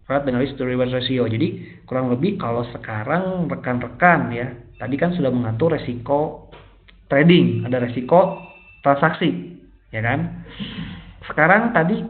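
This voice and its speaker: Man lecturing over tinny webinar audio. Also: mid-range voice. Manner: casual explanatory, lots of fillers like "ya" and "gitu". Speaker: forex trading webinar presenter. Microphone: laptop microphone.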